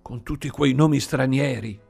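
A man's voice: mid-range voice, normal speed, creaky, a little mellow, breathy edge, soft background music. A man voicing an easygoing, offhand mother who hesitates as she speaks in a read-aloud story. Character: easygoing mother of two, vague and chatty.

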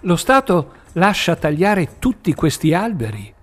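A man voicing a stubborn young worker who answers in a steady, unafraid way in an audiobook. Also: on the high side, a little slow, faint music behind, pitched above the performer's own voice. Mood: defiant.

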